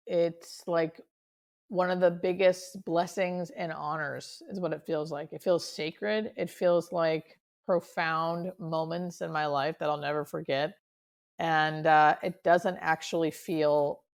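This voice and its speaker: An earnest woman with a fairly low, noticeably creaky voice, answering as an interview guest. She talks reflectively and conversationally, repeating phrases for emphasis as a hospice nurse explaining her work. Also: fairly even intonation, takes it slowly.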